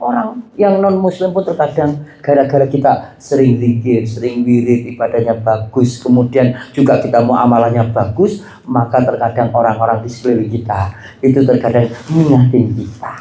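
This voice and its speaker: A man's voice: mid-range voice, moderate pace, dark tone. A man preaching a casual study sermon, chatting the audience, asking them questions and saying "gitu" and "begitu" again and again. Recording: roomy hall echo.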